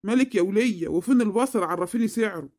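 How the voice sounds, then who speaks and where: A man's voice: high voice, quick pace, a little mellow, no echo, clean studio sound, natural voice. A man voicing a greedy, scheming husband with an Egyptian accent in a comic cartoon, blustering and boastful. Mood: impatient. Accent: Egyptian Arabic.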